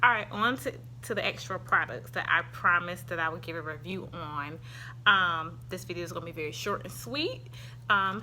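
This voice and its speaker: A young woman from the Southern United States, a vlogger reviewing supplements, chats casually through a product review indoors at her home, rambling with many ums. Her voice is lowish and sharp in tone. She's recorded on a handheld phone, and the audio is poor with a little hiss or hum.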